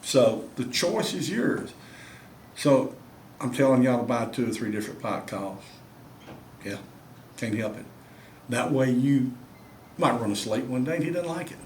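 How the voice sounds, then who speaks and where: A man's voice: medium pitch, animated, measured pace, pauses often, reverberant, a little hiss or hum. A man giving a folksy, drawling tutorial on caring for turkey pot calls and calling y'all to the viewers. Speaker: turkey call maker and instructor. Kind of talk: demonstration tutorial.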